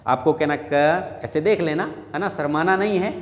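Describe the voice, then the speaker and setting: A man's voice: on the high side, moderate pace. A male teacher giving a lesson, drilling students with repeated questions and answers. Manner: repetitive call-and-response drilling. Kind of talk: classroom lesson. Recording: echoey long-reverb room.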